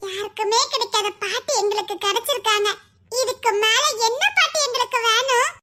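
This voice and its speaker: A woman's voice: extremely high pitch, fairly quick, bright, forceful tone. A woman playing a devoted young granddaughter who speaks with a Tirunelveli Tamil accent, pleading and adoring in a comedy skit.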